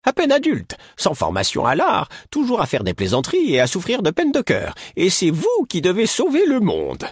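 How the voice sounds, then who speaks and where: A man voicing a stern, fretful woman in a storybook, speaking sharply and reproachfully in a raised, husky voice. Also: fairly low pitch, huge pitch swings, normal speed, hardly any pauses, no room sound, studio quality, voice pushed up, full character voice. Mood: lecturing.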